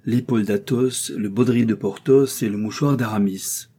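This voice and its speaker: Mellow, husky male narrator. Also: on the low side, moderate pace. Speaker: audiobook narrator. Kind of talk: audiobook narration of a classic novel.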